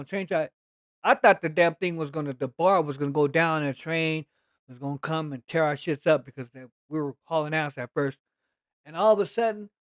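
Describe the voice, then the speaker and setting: Animated man telling a blunt story. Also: a little high, no echo. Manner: animated, blunt, heavy swearing. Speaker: gaming streamer. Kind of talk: casual storytelling on a livestream.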